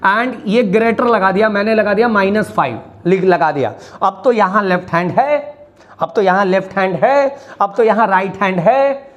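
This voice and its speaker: A woman math teacher gives a classroom lesson to children. She repeats phrases, asks the class questions, and switches into English mid-sentence. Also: medium pitch.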